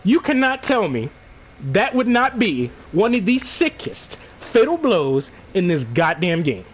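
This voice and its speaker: Excitable high-voiced young man ranting. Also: unhurried, a little hiss or hum. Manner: excited, animated, swears a lot, slangy. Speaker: gaming commentator. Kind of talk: casual gameplay commentary.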